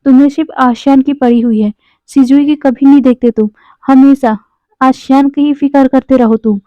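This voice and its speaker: A protective young father scolds and accuses his partner, as a woman narrator voices him in her fairly high register. The sound is dry and narrow, like a phone line. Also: steady tone, moderate pace, no room sound, lightly acted. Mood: scolding.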